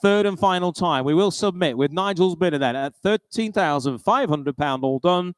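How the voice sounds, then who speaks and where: Close and dry with no room echo, this clip has a British man running a live auction as auctioneer. He repeats bid figures in practised patter at a moderate pace, his smooth, clear voice pitched a little high for a man.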